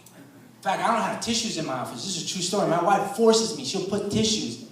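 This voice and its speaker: A man preaching a sermon in a conversational storytelling way, often saying "man" and repeating words, and getting loud and intense to drive a point home. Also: high voice, animated, a little fast, a little hiss or hum. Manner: rises loud and intense for emphasis. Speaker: guest preacher. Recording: echoey hall, voice picked up from a distance.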